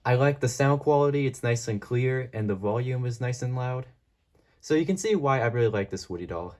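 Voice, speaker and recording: A man's voice: mid-range voice, lively intonation, brisk. A man giving a casual product comparison as a toy reviewer. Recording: mellow home recording, faint noise.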